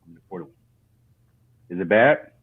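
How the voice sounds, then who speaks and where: A man co-hosting a podcast, heard through muffled, bass-heavy computer audio while he asks how his sound comes across in a laid-back, slangy way. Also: animated, moderate pace, slightly rough. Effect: muffled, bass-heavy audio from a bad computer mic. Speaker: podcast co-host. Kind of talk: casual chat. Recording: muffled phone-like call audio.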